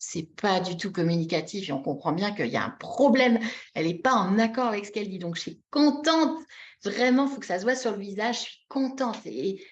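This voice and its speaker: A woman leading a live teaching demonstration on a video call, animated and demonstrative, repeating key words and acting out short example phrases with expressive intonation. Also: mid-range voice, quick pace. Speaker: webinar trainer teaching baby signs. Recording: dull lo-fi webinar audio.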